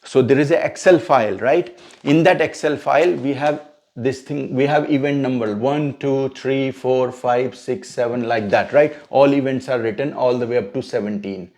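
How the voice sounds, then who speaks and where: A man's voice: medium pitch, normal speed, darkish tone. A man teaching a hosting practice class step by step, often checking whether his listeners follow. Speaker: MC trainer. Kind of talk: instructional coaching session.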